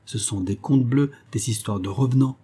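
A man voicing a young frightened noblewoman in love in a storybook reading, speaking in an anxious, hushed, pleading way. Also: medium pitch, normal speed, breathy edge, close to an everyday voice.

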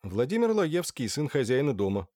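A man voicing an eager young gentleman who speaks in hasty remarks. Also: medium pitch, big pitch swings, normal speed, no room sound, clean studio sound, pitched above the performer's own voice, close to an everyday voice.

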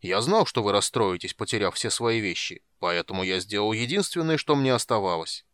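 Storybook dwarf, sly and sheepish gambler, read by a man, rambling, animated delivery. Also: lowish voice, a little fast, no room sound.

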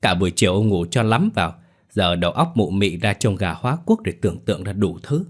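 A man voicing a sharp-tongued, scornful older village wife who scolds and dismisses her husband, in a told ghost story. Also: low-pitched, sing-song, brisk.

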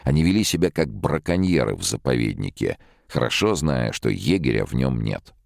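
Very deep gravelly male narrator. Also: no room sound, clean studio sound. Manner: expressive, measured. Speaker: audiobook narrator. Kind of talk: scripted literary narration.

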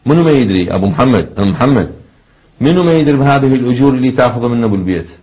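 A man with an Iraqi accent hosting a call-in religious question show, with brisk, clipped acknowledgements. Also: medium pitch, expressive. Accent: Iraqi Arabic. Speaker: radio call-in host. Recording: dull muffled broadcast sound.

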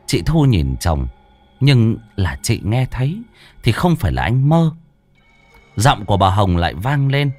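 A man narrating a ghost story in an expressive, dramatic storytelling style. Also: fairly low pitch, unhurried, faint music behind.

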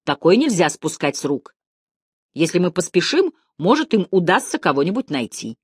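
A woman voicing a calm older husband. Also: on the low side, normal speed, husky, no room sound, clean studio sound. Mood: steady.

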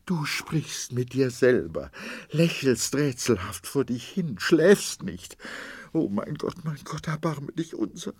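A man voicing a frightened young wife who sobs and trembles, pleading in a high voice that breaks into tearful whispers. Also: sing-song, takes it slowly, darkish tone, husky, dry recording, full character voice. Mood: panicked. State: sobbing.

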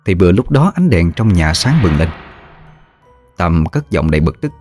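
A man narrating a ghost story in a measured, somber manner. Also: low voice, big pitch swings, darkish tone, soft background music.

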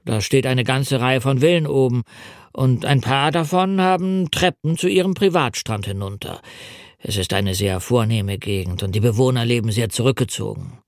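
A man's voice: mid-range voice, moderate pace, no room sound, studio quality, natural voice. A man reading the lines of a deferential old coastguard who answers politely and ponders aloud.

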